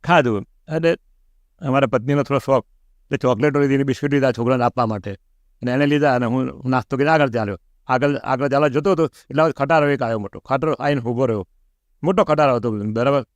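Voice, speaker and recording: A middle-aged man tells a personal pilgrimage story as an interview guest. He talks quickly and animatedly, and he acts out quoted lines with a raised voice. The sound is close and dry. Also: mid-range voice, no room sound, muffled recording.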